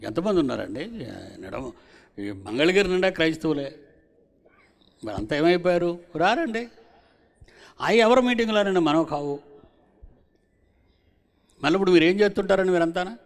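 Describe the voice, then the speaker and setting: Male preacher at a convention, higher-pitched voice, repeats phrases and quizzes the crowd directly. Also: lively intonation, moderate pace, creaky, long pauses. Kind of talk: sermon at a gospel convention.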